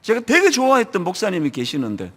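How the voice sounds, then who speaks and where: A middle-aged man from the region preaching a sermon, lively and acting out church members in quoted asides. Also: high voice, fast. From Gyeongsang region, Korea. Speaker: pastor. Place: large church sanctuary. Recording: long hall reverb.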